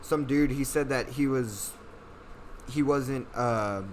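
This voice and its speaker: A young man in casual podcast chat, relaxed, with many filler words and casual swearing. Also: medium pitch, slow pace, a little hiss or hum.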